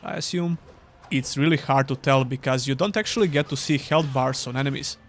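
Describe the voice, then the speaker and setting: A young man giving a scripted, dryly sarcastic voice-over review of an old game. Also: mid-range voice. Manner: dry, sarcastic. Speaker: gaming YouTuber.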